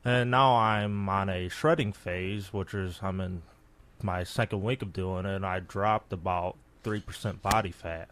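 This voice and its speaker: Young man, radio guest, low voice, relaxed, hesitant, plenty of fillers. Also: unhurried. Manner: laid-back, hesitant, with fillers. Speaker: studio guest. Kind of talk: casual radio interview.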